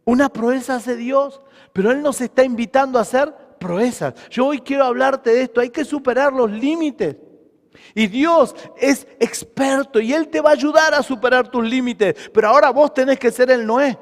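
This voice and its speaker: A man's voice: extremely high pitch, moderate pace, in a large hall. A man preaching a sermon as pastor, with a Rioplatense Spanish accent, emphatic and full of rhetorical questions.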